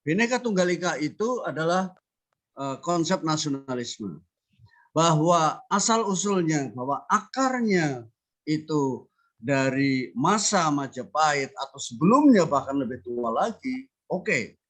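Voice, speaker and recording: A man's voice: a little high, animated, measured pace. An older man from Java, speaking earnestly as a panelist at a discussion forum and building his points through emphatic repetition. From Central Java, Indonesia. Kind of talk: spoken remarks at a discussion forum.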